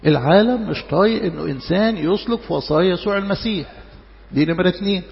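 A high-voiced man with an Egyptian accent, preaching with a gravelly edge. He fires rhetorical questions and slows right down when he quotes scripture. The recording is dull and lo-fi, with a long reverb like a large hall. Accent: Egyptian Arabic. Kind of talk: sermon.

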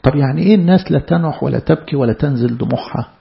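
A man's voice: fairly high pitch, racing, creaky. A man with an Egyptian Arabic accent, teaching a Bible sermon in a conversational way, asking rhetorical questions. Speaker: preacher. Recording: dull lo-fi recording.

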